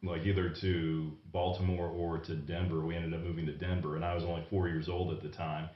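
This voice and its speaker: A musician in his thirties, from the United States, telling his story in a relaxed, casual interview. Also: sits low, a little fast. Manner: relaxed storytelling with light laughs. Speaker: musician guest. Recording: distant mic, echoey dull room.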